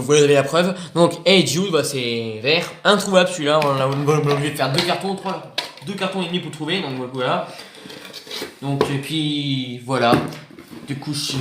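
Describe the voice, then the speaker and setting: Casual male vlogger, rambling, joking, slightly high voice, echoey room with faint hiss. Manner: rambling, repeats himself, joking. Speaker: video host showing purchases. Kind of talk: casual unboxing chat.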